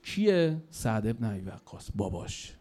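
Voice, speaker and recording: A man preaching a sermon in a colloquial storytelling manner, his voice rising and falling sharply in loudness. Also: fairly low pitch, sing-song. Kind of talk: religious sermon.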